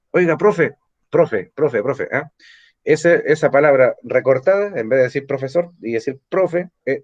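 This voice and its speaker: A man's voice: medium pitch, dull audio. A man with a Chilean accent, teaching an online evening language class and explaining with rhetorical questions and tag questions. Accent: Chilean Spanish. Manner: explanatory, asks rhetorical questions, frequent "¿ah?" tags. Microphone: computer or phone mic on a video call.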